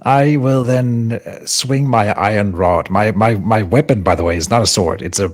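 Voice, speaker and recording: A man's voice: on the low side, moderate pace. A man playing in a tabletop game, talking casually and hesitantly, repeating words as he thinks. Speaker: player.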